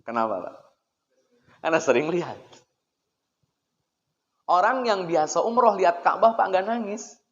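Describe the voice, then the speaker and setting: A man lectures on faith in a casual, talkative way, pausing to put questions to his listeners and answering them himself. His voice sits a little high for a man. The recording is dull and lo-fi, with a long echo from the hall around him. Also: animated. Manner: chatty, poses rhetorical questions, keeps addressing listeners as sir. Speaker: Islamic preacher. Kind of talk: conversational religious lecture. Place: prayer room. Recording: echoey hall, dull lo-fi sound.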